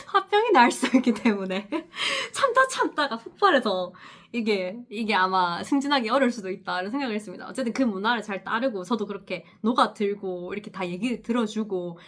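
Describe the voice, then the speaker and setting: The nurse vlogger from Busan speaks in a fairly bright, highish voice, chatting casually to the camera about her job. Her long stories are full of laughter and acted-out quotes.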